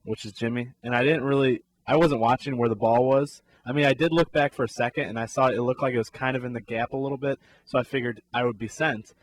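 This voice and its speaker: A man's voice: medium pitch, steady tone, quick pace, hardly any pauses, dry recording. Dry-sounding male sports talk co-host. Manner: laid-back, recounts plays in detail with laughs. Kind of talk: casual sports talk chat.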